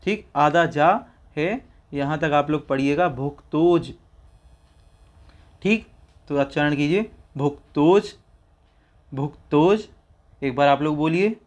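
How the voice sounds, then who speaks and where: A teacher of a Jain scripture gives a slow recitation lesson on a Sanskrit verse, splitting each word into syllables and patiently repeating it so listeners can say it along. His voice is fairly high, at a normal speed.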